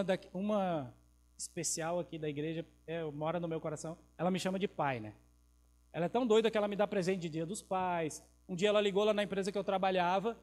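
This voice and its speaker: A middle-aged man with a Southern Brazilian accent, preaching a sermon as pastor, telling stories and swinging from loud emphasis to quiet, intimate remarks. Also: sits high. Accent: Southern Brazilian Portuguese. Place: church. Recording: mains hum in background.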